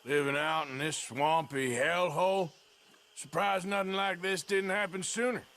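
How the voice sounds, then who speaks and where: A laconic, gruff cowboy. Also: male voice, high-pitched, fairly even intonation, normal speed, fairly bright tone. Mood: sardonic. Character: gruff wandering outlaw cowboy man.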